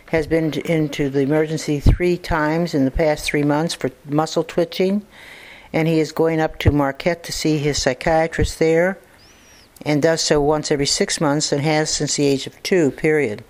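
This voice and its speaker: A clinician dictating a report, speaking punctuation marks aloud and spelling out names, steady and matter-of-fact with occasional fillers. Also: mid-range voice, moderate pace.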